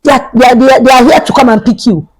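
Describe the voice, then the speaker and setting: A woman's voice: high-pitched, fairly even intonation, quick pace, rough recording. A woman quoting a stern male school principal in a firm, scolding tone.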